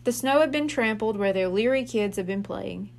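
A woman, a librarian, reading a children's mystery aloud in clear, steady narration. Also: medium pitch, a little fast. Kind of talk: storybook read-aloud.

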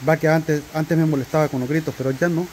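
A man, soft-spoken and slow, bantering with his wife. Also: fairly high pitch, steady tone, slight background noise. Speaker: host's husband. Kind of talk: casual couple banter.

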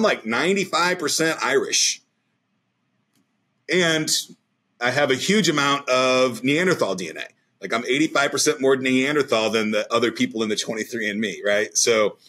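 Over a video call from a room in his home, a man in his forties appears as a podcast guest in a casual interview. His medium-pitched voice has a sharp tone, and he talks in a rambling, emphatic way.

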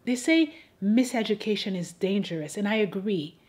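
A Haitian woman hosts an advocacy video, giving scripted, persuasive commentary to the camera. Her mid-range voice is expressive and darkish in tone. She makes her points deliberately, with a wry, rhetorical edge.

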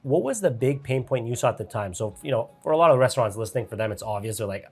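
A man's voice: medium pitch, animated, quick pace, breathy edge, soft background music. A man in his thirties hosting a casual interview over a headset on a video call. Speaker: podcast host. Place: home studio room.

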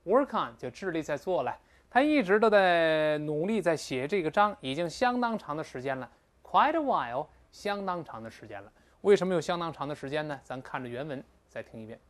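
A woman lectures on an English text. Her voice sits a little low but moves up and down freely. She slows right down to spell out English phrases. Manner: lively, explanatory, quotes English phrases slowly. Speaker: English teacher. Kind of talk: recorded lecture explaining a textbook.

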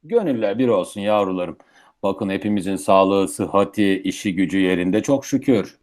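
Radio drama: man playing grumbling, loving old granddad, folksy, very animated intonation. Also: low-pitched, normal speed. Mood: tender. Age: older. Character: grumbling, affectionate old grandfather baffled by technology. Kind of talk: Turkish radio theatre acting.

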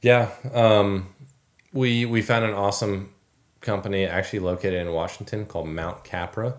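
Young man, new dad, very deep voice, easygoing, casual Q&A chat, reads questions aloud. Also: fairly even intonation, moderate pace. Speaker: co-host, new father.

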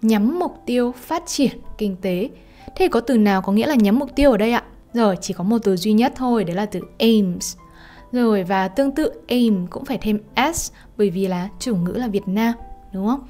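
A woman's voice: mid-range voice, moderate pace, warm tone. Woman teacher, native vietnamese speaker, keeps going "right?" at the students, faint music under her. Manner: checks in with students with tag questions. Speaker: English teacher. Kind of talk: video lesson explaining exercises.

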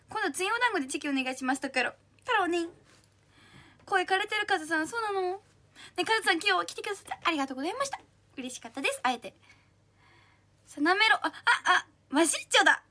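A very high, bright young woman hosts a livestream, bubbly and cutesy, thanking her commenters one by one. A light colours her words, and her throat sounds a touch husky from strain. She talks close to the mic, indoors. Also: expressive, fast. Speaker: idol livestream host. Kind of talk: casual livestream chat reading comments.

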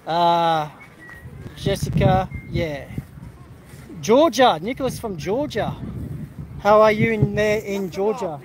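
Speaking slowly with long pauses, this middle-aged Australian man has a high-pitched voice and lively intonation. He greets viewers on a livestream at an outdoor football carnival, chatting casually and rambling with plenty of fillers and restarts while a crowd murmurs in the background.

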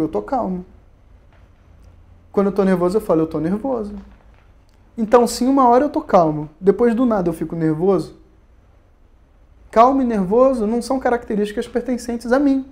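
A man's voice: sits high, a little mellow. A man with a Brazilian Portuguese accent giving a recorded philosophy lesson, talking conversationally and acting out imagined dialogues. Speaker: spiritual teacher.

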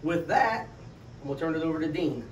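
A man's voice: a little high, expressive, brisk. A middle-aged man with an American accent hosting a casual podcast, rambling and joking. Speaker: podcast host. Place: echoey room, away from the mic. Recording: echoey room, distant mic, faint noise.

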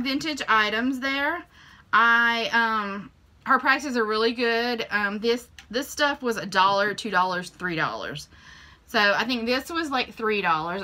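A woman casually shows off her flea market finds in a homey, chatty vlog, saying um often, her fairly high voice pushed and bright. She's recorded on a camera mic in a small indoor room lined with shelves.

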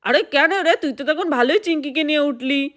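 High bright woman telling a doll story. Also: a little fast. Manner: lively, plays every doll's voice. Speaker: storyteller voicing dolls.

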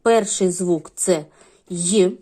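A woman's voice: lowish voice, expressive, measured pace, warm tone. A middle-aged woman teaching a lesson to young children, explaining patiently step by step. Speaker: primary school teacher.

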